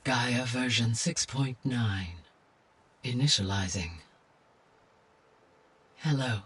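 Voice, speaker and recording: A man's voice: medium pitch, fairly bright tone, breathy edge, far from the mic, pitched below the performer's own voice. A man doing an AI booting up. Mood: mechanical. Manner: slow, announcing startup steps. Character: AI program booting up, male, flat and mechanical.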